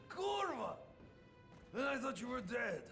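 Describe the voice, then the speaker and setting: An actor playing a brash, excitable male soldier comrade who swears loudly in a video game. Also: extremely high pitch, takes it slowly, long reverb tail, full character voice. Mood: excited. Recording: game audio with music behind.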